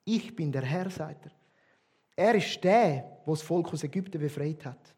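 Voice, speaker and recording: A man with a Swiss German accent preaching a sermon as a pastor, emphatic, with loud stresses and quiet drops. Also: on the high side, animated, unhurried, slightly rough.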